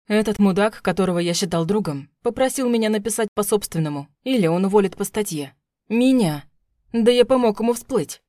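A woman reading an audiobook, voicing a violent, furious young husband who shouts threats. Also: sits high, brisk, dry recording, clean studio sound, close to an everyday voice. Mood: bitter rage. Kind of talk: audiobook character voice.

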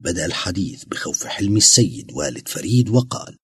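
A man narrating a dramatic audio story in a husky, expressive voice. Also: sits low, quick pace, dry recording.

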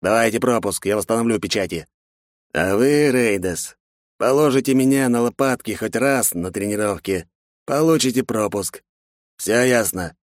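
A man voicing a stern, bossy, middle-aged male academy director in an audiobook, barking and scolding with drawn-out emphasis. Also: on the low side, lively intonation, no room sound, studio quality, pitched above the performer's own voice, natural voice. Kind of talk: audiobook character voice.

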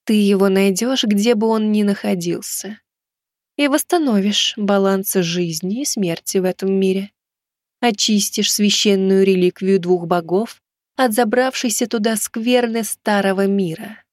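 Calm measured death lady, a woman voicing her, dry close sound. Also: medium pitch, no echo, natural voice.

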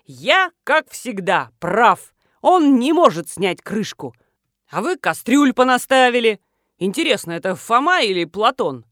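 A woman voicing a gruff, bossy middle-aged male colonel who grumbles and is pleased with himself. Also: medium pitch, big pitch swings, fairly quick, hardly any pauses, sharp tone, no echo, clean studio sound. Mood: smug. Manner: grumbling, self-satisfied.

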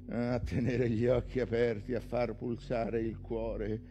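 A vengeful old whaling captain in a stage monologue, tormented and commanding. His gravelly voice is pitched high for a man and he declaims slowly, swinging from hushed brooding to bellowed orders. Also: full character voice.

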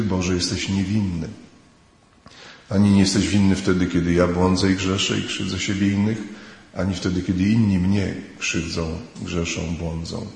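A priest giving an earnest retreat sermon, speaking prayers aloud to God. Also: male voice, deep voice, creaky. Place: retreat hall. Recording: echoey hall recording.

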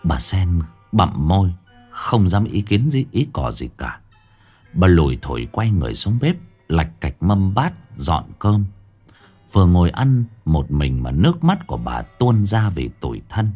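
Brief: male ghost story narrator, lower voice, vivid storytelling with a wide melody. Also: big pitch swings, measured pace, dark tone, slightly rough, soft background music.

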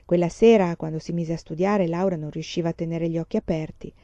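A woman reading a children's novel aloud, in a measured, steady narration. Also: on the low side, dry recording. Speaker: reader. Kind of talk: audiobook narration. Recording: dull lo-fi recording.

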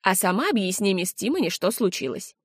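A woman's voice: medium pitch, sing-song, brisk, breathy edge, no room sound. A woman voicing a stern older aunt who speaks firmly and reproachfully. The sound is dry and close. It is storybook reading. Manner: firm, reproachful.

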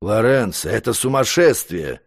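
A man reading an audiobook, voicing an arrogant male magician count who speaks calmly and curtly. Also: lowish voice, measured pace, creaky, slightly rough, pitched below the performer's own voice, exaggerated voice. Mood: cool scornful. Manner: calm, curt, condescending. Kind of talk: audiobook character voice.

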